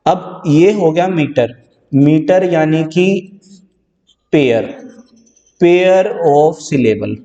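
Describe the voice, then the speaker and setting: A man's voice: fairly high pitch, very slow, long pauses, dark tone, highs cut off. A male English teacher giving an exam-prep lecture, explaining step by step and repeating key words as he checks that students follow. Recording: distant mic in a reverberant room.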